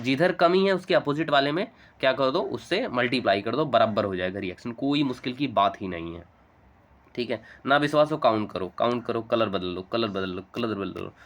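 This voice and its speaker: Male teacher, quick chatty explainer who keeps checking in with the class. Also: mid-range voice. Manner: fast, chatty, coaxing with frequent "theek hai" and "bhai". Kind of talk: chalk-talk chemistry lesson.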